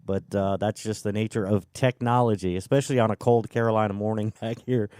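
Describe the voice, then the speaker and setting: A man's voice: on the low side, steady tone, a little fast, mellow, smooth, dry recording, studio quality. A man co-hosting a morning show, chatting in a laid-back way and laughing easily. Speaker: co-host. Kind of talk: casual chat.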